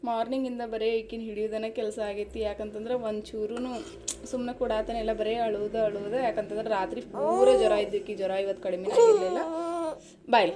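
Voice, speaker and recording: A woman's voice: mid-range voice, a little fast, crowd noise. A young woman with a North Karnataka Kannada accent, narrating a casual daily vlog to viewers and coaxing her sick child in a raised, singsong voice. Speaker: vlogger, mother of a sick child. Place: home and juice shop.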